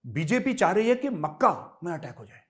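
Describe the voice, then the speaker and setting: A man's voice: sits high, sing-song, brisk, a bit bright. Emphatic, scornful male commentator. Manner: emphatic, scornful, with rhetorical questions. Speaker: host. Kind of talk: political commentary to camera.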